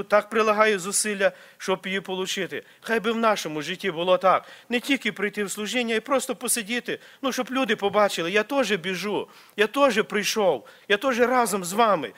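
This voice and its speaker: A man's voice: sits high, a bit bright. A man preaching a sermon at a church service, earnest and repetitive, restarting phrases as he exhorts. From Ukraine or Slavic region.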